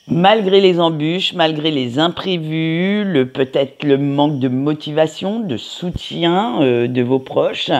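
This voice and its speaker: A man's voice: fairly high pitch, creaky. A man giving a chatty weekly tarot reading, with frequent fillers and friendly asides. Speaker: tarot reader.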